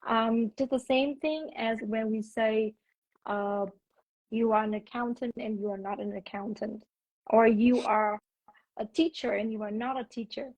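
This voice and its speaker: This young Vietnamese-accented woman, an English teacher appearing as a guest, talks through her views thoughtfully in a relaxed video call, often restarting words. Her voice is higher, steady, a bit slow and slightly mellow, with no room sound on the dull, lo-fi call audio.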